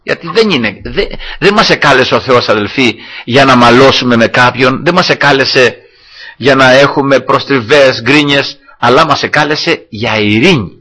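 A man's voice: mid-range voice, sharp tone. A man preaching a sermon to his congregation, telling a personal story and acting out the dialogue in it.

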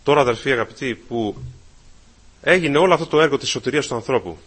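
A man preaching a sermon to his congregation, calling them brothers again and again and swelling louder on key phrases. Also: mid-range voice, breathy edge.

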